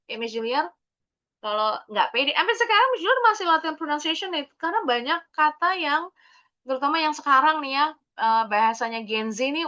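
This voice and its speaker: A woman's voice: on the high side, sharp tone, muffled recording. An Indonesian woman teaching an English class, explaining patiently and mixing English words into her talk.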